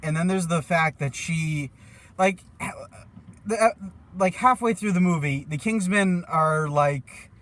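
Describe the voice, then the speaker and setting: Bright-voiced, halting man. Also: on the high side. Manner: hesitant, halting with fillers. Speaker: podcast co-host. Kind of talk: casual movie review chat.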